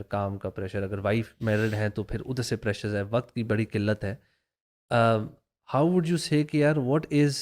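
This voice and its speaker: A man's voice: mid-range voice, darkish tone. A man co-hosting a casual discussion, posing questions in a mix of English and Urdu.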